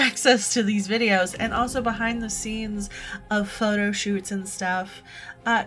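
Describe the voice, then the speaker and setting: A drag queen host with a mid-range voice by female standards reacts casually on camera. The talk is candid, expressive and sweary, with loud music behind. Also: mid-range voice.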